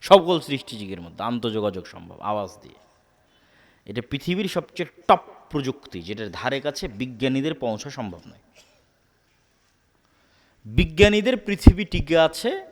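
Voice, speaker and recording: A man's voice: medium pitch, sing-song, normal speed, pauses often. Preacher man with an echoing hall reverb. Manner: asks the crowd rhetorical questions and repeats key words emphatically. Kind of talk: Islamic sermon to a live audience. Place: public sermon gathering.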